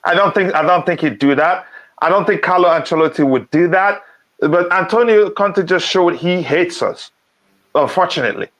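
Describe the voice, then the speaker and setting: A man who grew up in Nigeria hosts a casual live-stream football talk. His voice sits a little high for a man. He reads chat comments aloud and fills gaps with ums and restarts. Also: moderate pace, a bit bright.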